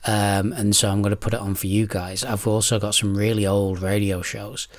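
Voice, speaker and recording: A man's voice: fairly low pitch, little pitch movement, normal speed, dry recording, clean studio sound. A man in his thirties chatting casually as a solo podcast host, hesitant, rambling and self-deprecating, swearing freely. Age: 30s. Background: clicking of discs being handled.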